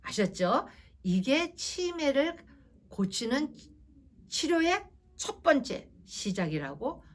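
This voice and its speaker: A woman instructor with a fairly high voice lecturing a group of seniors. Her pitch rises and falls a lot as she explains things patiently. She keeps asking the audience questions and acts out what people might say. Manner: asks the audience questions and acts out quoted speech.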